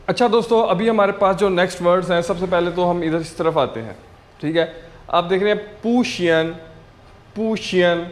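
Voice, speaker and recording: A man with a fairly high voice teaches a beginner language class in a casual, friendly way. He says each new word again and again, slowly and clearly, so learners can copy him. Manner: repeats each word slowly several times for pronunciation drill. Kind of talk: online language lesson.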